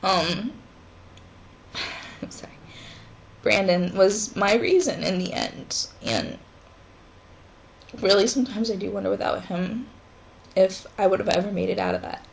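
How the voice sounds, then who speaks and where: A woman in her twenties talking haltingly and emotionally in a personal vlog from her dorm room, with pauses and sighs. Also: medium pitch, vocal fry, slight background noise, rough recording. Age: 20s. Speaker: vlogger.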